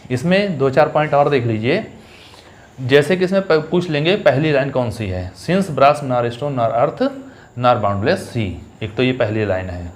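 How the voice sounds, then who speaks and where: Male teacher, mid-pitched, patient step-by-step exam coaching, slow syllable-by-syllable reading. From India. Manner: explains step by step, reads lines slowly with stress on each syllable. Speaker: English teacher. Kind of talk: exam-focused poetry lesson.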